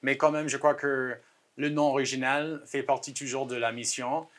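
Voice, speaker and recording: A man's voice: medium pitch, flat delivery, normal speed, a bit bright. A man, working as a reporter who narrates and interviews.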